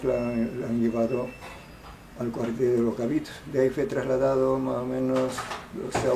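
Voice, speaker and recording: Middle-aged peruvian dad, slow and measured, stops to find words, noisy ambience behind. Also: male voice, mid-range voice. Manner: measured, with pauses and fillers. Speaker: father of a detained student. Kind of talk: testimony to camera.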